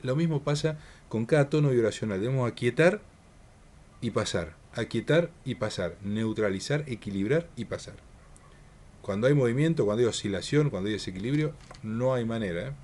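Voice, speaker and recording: A man, giving a spiritual workshop talk and speaking in a measured way, repeating his points and asking rhetorical questions. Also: medium pitch, animated, darkish tone.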